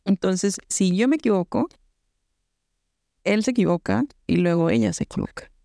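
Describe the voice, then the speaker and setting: A Mexican woman co-hosting a podcast, telling a story in casual chat with lots of slang and an animated manner. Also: mid-range voice, moderate pace, vocal fry, dry recording, studio quality. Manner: animated, slangy, acts out voices in anecdotes. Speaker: podcast co-host.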